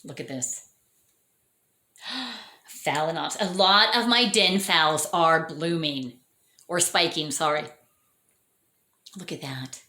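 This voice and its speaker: In a casual vlog from her home dining room, a woman shows off her orchids, chatty and enthusiastic, often correcting herself as her voice starts to give out. Her voice is low, bright and forceful, and she speaks slowly with long pauses. The room is echoey.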